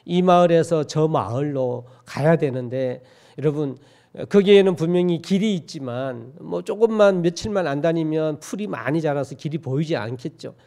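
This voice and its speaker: A male pastor from Korea's Gyeongsang region preaches in a church. His voice sits a little high for a man. He talks in a folksy, joking way and keeps asking the congregation questions. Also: normal speed, gravelly, mellow. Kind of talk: sermon. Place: church sanctuary.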